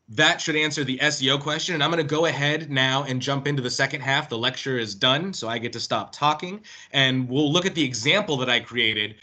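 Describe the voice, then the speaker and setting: Guy teaching an online class, bright sharp voice, mid pitch, informal. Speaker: lecturer.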